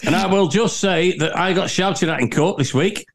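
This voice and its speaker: A man's voice: sits high, normal speed. A man co-hosting a chat show, telling jokey stories and laughing as he talks. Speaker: podcast co-host. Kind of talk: casual chat.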